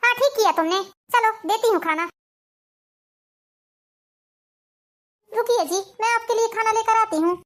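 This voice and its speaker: Sharp-tongued young wife, very high, rapid, cartoon drama, voiced by a woman. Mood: sly. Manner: persuasive, insistent. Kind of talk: Hindi cartoon family drama.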